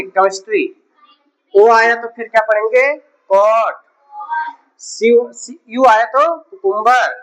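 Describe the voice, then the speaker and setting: A woman's voice: on the high side, a bit bright, rough recording. A woman teacher explaining English pronunciation rules, asking questions and answering them herself. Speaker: school teacher. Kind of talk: classroom phonics lesson.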